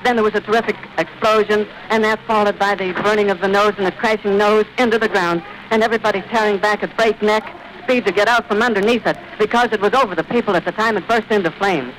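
1930s radio guy describing a scene live outdoors, highish voice, urgent, stops to get his breath, faint hiss. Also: fairly even intonation, fairly bright tone, rough recording. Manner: vivid, urgent descriptive commentary with pauses to catch breath. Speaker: radio reporter. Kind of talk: live eyewitness radio report. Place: outdoors at an airfield. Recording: old 1930s archive radio recording with hiss.

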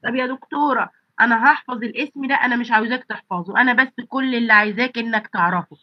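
Egyptian woman teaching online, stuffy nose, kinda husky, a bit high, dull dry call audio. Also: rapid-fire, dry recording. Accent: Egyptian Arabic. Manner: asks students rhetorical questions and answers them. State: congested, blocked nose and throat. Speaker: pharmacy college lecturer. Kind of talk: online lecture. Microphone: computer mic on a video call.

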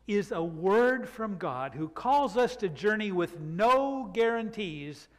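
With a high voice and lively intonation, the older pastor preaches reflectively from the church pulpit. He takes his time and stretches words for emphasis, recorded on a pulpit microphone with long church reverb.

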